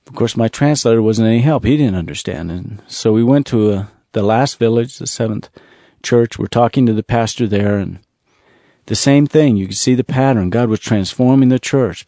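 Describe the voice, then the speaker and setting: Warm-voiced man telling a mission story. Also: mid-range voice, no room sound, clean studio sound. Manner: earnest, repetitive storytelling with slow emphasis. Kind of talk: storytelling testimony.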